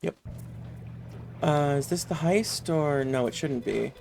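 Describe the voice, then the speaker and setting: A man with a fairly high, slow, creaky, slightly mellow voice chats casually and rambles while streaming a video game. His manner is laid-back, and his rough voice is still warming up. There's slight background noise.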